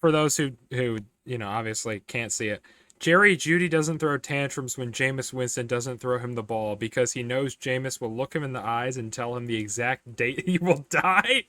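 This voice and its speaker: A man's voice: medium pitch, normal speed, fairly bright tone, no room sound. A man hosting a casual sports podcast, running through game picks with lots of fillers and restarts. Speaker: podcast host.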